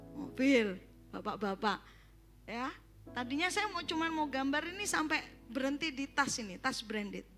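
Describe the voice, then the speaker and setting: Woman pastor, bright forceful sermon voice, conversational with humor. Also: sits high. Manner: conversational preaching with joking asides. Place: church service.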